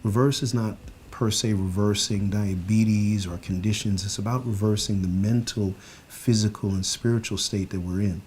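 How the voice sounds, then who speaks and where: A man's voice: fairly low pitch, darkish tone, a little hiss or hum. A man hosting a nutrition series, talking enthusiastically with hesitant fillers. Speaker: series host. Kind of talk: promotional interview.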